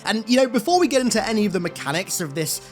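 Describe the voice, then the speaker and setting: An enthusiastic gaming host reads scripted commentary. The delivery is animated and emphatic, fond of hyperbole, with faint music underneath. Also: medium pitch, racing. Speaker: video host and game reviewer.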